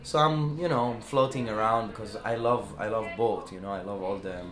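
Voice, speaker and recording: There's crowd noise and an echoey room as a man with a fairly low voice talks briskly. He is an Israeli-accented singer and band founder, Hebrew being his first language, giving a casual post-show interview at a music club, and he stumbles through many fillers and restarts.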